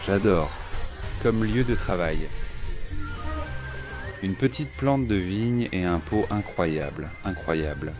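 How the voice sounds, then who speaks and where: Over music, a man hosting a cycling vlog chats casually on the ride and while touring a small shop, speaking in a low, expressive voice, slowly and with frequent pauses. He's chatty and enthusiastic, saying "regarde" again and again.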